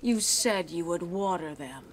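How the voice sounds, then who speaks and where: An actress voicing a menacing plant-controlling woman villain in a video game, her lines layered into a hive-mind voice of many buzzing voices, spoken slowly and coldly. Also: lowish voice, animated. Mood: reproachful.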